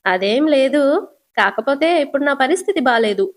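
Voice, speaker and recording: A woman's voice: high voice, lively intonation, moderate pace. Woman voicing a timid older husband. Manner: pleading, fretful. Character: elderly, timid, henpecked husband.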